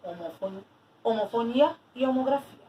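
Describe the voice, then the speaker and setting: A woman's voice: on the high side, animated, moderate pace, warm tone. A woman teacher giving a recorded lesson, explaining patiently and stressing key terms as she repeats them. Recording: distant mic with faint noise.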